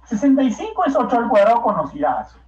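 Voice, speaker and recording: A man voicing an eager young student who calls out quick, pleased remarks to his teacher, with a Peruvian Spanish accent. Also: extremely high pitch, huge pitch swings, darkish tone, pitched above the performer's own voice, exaggerated voice. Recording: echoey, dull lo-fi classroom recording.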